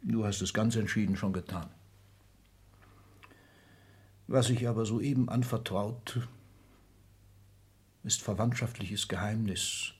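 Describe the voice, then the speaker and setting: A male actor with a mid-range voice plays an ailing old industrialist patriarch in a German radio drama. His delivery is husky, declamatory and commanding, carrying a mood of stern command.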